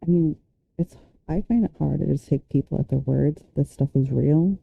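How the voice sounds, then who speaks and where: A woman's voice: low-pitched, normal speed, gravelly, slightly rough, no echo, narrow, tinny audio. A woman reacting casually to video clips, rambling with lots of fillers and the odd curse. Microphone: handheld or desk mic close up.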